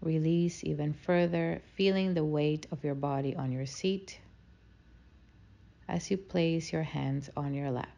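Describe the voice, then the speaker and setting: A woman leading a guided meditation in a slow, soothing, calming manner. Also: low voice, vocal fry.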